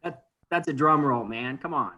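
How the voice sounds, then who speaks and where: A man's voice: mid-range voice, moderate pace, sharp tone, highs cut off. A laid-back man telling a casual story in banter, swearing freely. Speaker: panelist.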